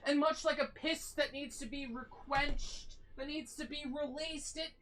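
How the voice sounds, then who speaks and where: A young woman, tipsy, giving a theatrical mock-motivational livestream monologue in a drawn-out way, swinging between hushed and loud emphasis. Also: sits high, fairly even intonation. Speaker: VTuber streamer. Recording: music behind the voice. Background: background music.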